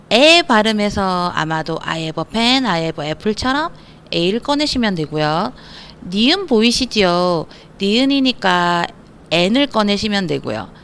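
A woman with an animated, sing-song delivery teaches English words to children, her pitch leaping up for jokes and mock surprise. She speaks at a middling pitch with a playful, self-mocking energy, and she slows almost to a crawl whenever she spells letters out. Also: a little hiss or hum. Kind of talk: online vocabulary lesson.

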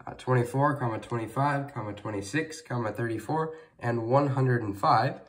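A man's voice: medium pitch, normal speed. Male tutorial presenter, slightly distant mic, dictating code one symbol at a time in clipped segments. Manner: dictating code symbol by symbol in short separate pieces. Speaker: presenter of a calculator programming tutorial. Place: indoors at a wooden table, off camera.

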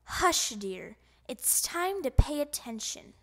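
A woman voicing a prim, patient female bird schoolteacher, gently instructing as she reads to a toddler. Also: high-pitched, big pitch swings, slow, creaky, heavily acted. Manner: gently instructing young children, reading to a toddler.

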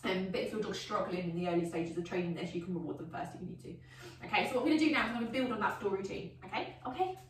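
A woman runs a dog training lesson at home, talking quickly and chatting her way through each step with plenty of "um" and "okay?". She sounds a little far from the mic in an echoey room with a faint hum of ambience behind her. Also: mid-range voice. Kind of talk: instructional demonstration. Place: home indoors.

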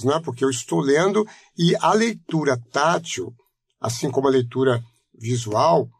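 A retired Brazilian teacher in his seventies, speaking with a Rio de Janeiro Portuguese accent, gives a measured, reflective oral history interview, explaining things and frequently adding "né?" tags. His voice is a little high and gravelly with a breathy edge, and the recording is dry.

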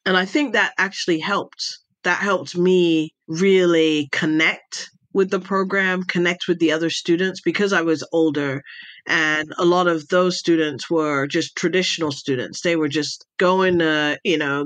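A woman from Jamaica, whose accent falls between American and British, tells animated stories about her past as an interview guest on a video call, laughing often in casual conversation. Her low voice is unhurried, with no room sound.

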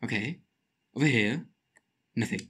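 A man with a slight lisp, giving excitable let's play commentary, muttering to himself and shrieking at wins and scares. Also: mid-range voice, unhurried, husky. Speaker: gaming channel host.

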